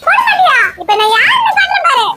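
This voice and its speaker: A woman's voice: very high-pitched, big pitch swings, fast talker, pushed and bright, heavily acted. A woman voicing a brave little boy in a cartoon, who gives bold, bossy warnings.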